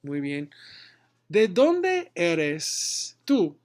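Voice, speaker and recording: A man leads a casual language lesson at a very unhurried pace. His slightly raised voice models short phrases one at a time, pausing to explain them in English. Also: high voice, wildly swooping pitch, darkish tone. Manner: slow, deliberate modeling of phrases, switching between Spanish and English. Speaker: Spanish teacher.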